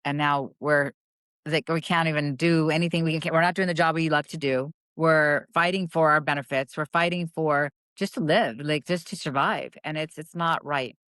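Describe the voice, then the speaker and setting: A middle-aged woman, a retired police officer from Southern California, telling personal stories as a guest in a conversational interview, animated and acting out voices. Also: deep voice, normal speed, dry recording. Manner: animated storytelling, acts out voices.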